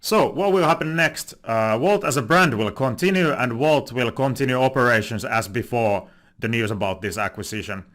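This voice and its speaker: Speaking at a moderate pace in a mid-range, somewhat bright voice, a young Finnish finance channel host offers casual commentary with a Finnish accent. His delivery is full of filler "uh"s, restarts, and self-corrections.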